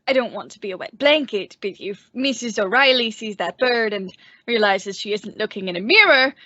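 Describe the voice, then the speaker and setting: A woman acts out a courteous professor neighbour in a vintage radio sitcom. The voice sits a little high and delivers dry wit politely. The audio is dry and muffled. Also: animated, moderate pace, sharp tone, no room sound. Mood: droll. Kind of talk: old-time radio comedy acting.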